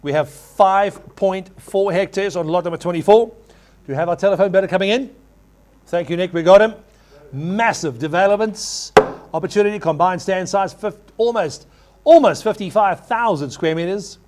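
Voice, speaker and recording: A male auctioneer with a high-pitched, slightly mellow voice runs a live property auction. He addresses bidders formally and calls for offers, repeating the figures in a rapid chant as bids come in.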